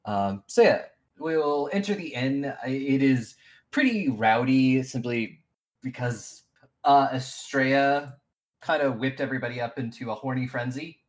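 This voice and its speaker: A woman acting as game master of a tabletop game, narrating in a relaxed way, often laughing and restarting her sentences. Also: a bass voice, a little slow.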